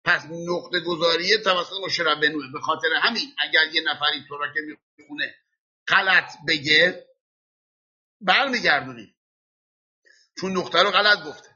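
Husky man teaching a lesson. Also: fairly high pitch, pushed and bright, muffled recording. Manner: explains slowly, spelling out letters and sounds by example. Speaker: religious teacher. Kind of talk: classroom lesson.

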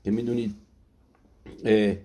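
A man giving a spoken religious lesson, pausing often with filler sounds as he explains. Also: fairly low pitch, little pitch movement, mellow. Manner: hesitant, many filler sounds. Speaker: religious teacher. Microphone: audio-only recording.

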